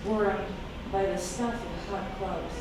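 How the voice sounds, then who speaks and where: In a mid-range voice with fairly even intonation and a slow pace, a poet who first spoke Russian introduces and reads her poem, sounding hesitant and emotional and leaning on fillers. Recorded from afar in an echoey hall, the sound is distant and noisy.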